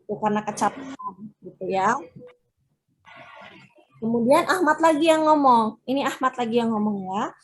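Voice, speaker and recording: A woman's voice: normal speed, long pauses. A woman teaching an online Arabic class, explaining each phrase step by step with many fillers. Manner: acts out dialogue lines with lively raised pitch.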